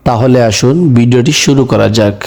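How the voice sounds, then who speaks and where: A man teaching Quran reading in a slow lesson, spelling each word letter by letter and then chanting it. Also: mid-range voice, a little mellow. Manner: spells words letter by letter, then recites them in a drawn-out chant. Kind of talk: slow step-by-step recitation lesson.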